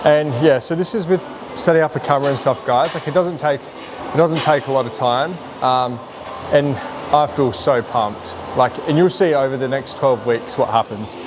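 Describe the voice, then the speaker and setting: A man's voice: medium pitch, normal speed. A man talking casually through their workout in a gym, explaining things in an informal, rambling way as a fitness vlogger. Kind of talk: casual workout vlog, explaining as they train. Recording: noisy room with ambient hum.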